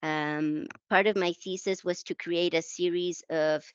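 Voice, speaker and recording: A woman's voice: fairly low pitch, fairly even intonation, measured pace, clear, resonant tone, no room sound, lo-fi sound. A woman from the Canary Islands, speaking English as a second language with a Spanish accent, telling stories about her work in a reflective, self-deprecating way. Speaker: guest translator. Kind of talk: conversational interview.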